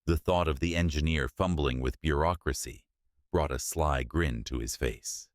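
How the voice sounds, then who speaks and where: Very deep-voiced male story narrator. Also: normal speed, no room sound, clean studio sound.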